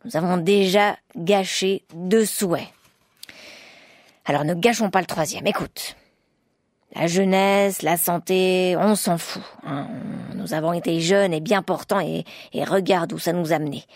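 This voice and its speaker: A woman's voice: lowish voice, steady tone, a little slow, a little mellow, no room sound, clean studio sound. A woman voicing a hot-tempered poor male woodcutter who blusters in an exasperated way. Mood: blustering.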